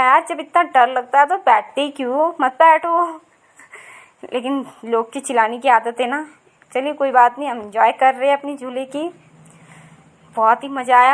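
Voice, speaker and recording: A woman in her thirties chatting casually as she narrates her vlog, rambling and repeating herself with many fillers. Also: high-pitched. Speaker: vlogger.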